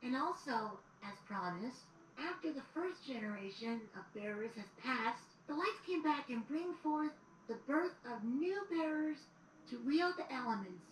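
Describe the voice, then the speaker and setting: An unhurried woman with a high voice and lively intonation plays a young boy dragon assistant in an audio drama. Reading history aloud, she narrates earnestly in storybook fashion, and the replayed sound is roomy, noisy, and far off.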